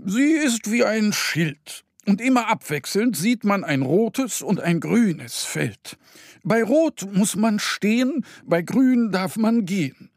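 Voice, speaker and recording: A man doing a clever high owl. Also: expressive, slow, dry recording, studio quality, full character voice. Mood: explaining. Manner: grumpy then explaining patiently. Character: clever sleepy female owl.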